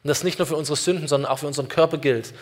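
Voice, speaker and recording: A man's voice: a little high, fairly even intonation, rapid-fire. A man preaching a sermon, earnest, asking the congregation many direct questions. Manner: addresses listeners directly and warmly. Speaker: pastor.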